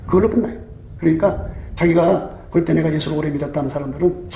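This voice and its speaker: A man's voice: on the high side, gravelly, warm tone. A man preaching a sermon, emphatic, full of rhetorical questions and quoted voices. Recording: echoey room with faint ambient noise.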